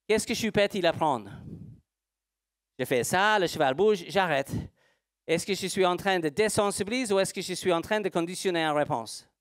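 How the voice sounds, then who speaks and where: A man's voice: high voice, moderate pace, no echo, clean studio sound. A man, a horse trainer speaking slightly broken French in a live seminar demonstration, asking rhetorical questions and answering them himself.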